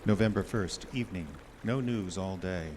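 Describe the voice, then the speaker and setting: An actor playing an earnest doctor, giving clipped diary entries in a live radio horror drama. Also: male voice, low voice, normal speed, darkish tone, big-room sound, lightly acted. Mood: businesslike. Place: small theater stage. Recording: noisy live theater broadcast.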